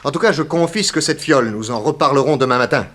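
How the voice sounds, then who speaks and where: An actor voices a cocky, excitable male private detective in a 1960s French radio comedy serial, telling his case in a theatrical, comically hesitant way. His medium-pitched voice moves fast and stays close to everyday speech. The mood is brisk and commanding.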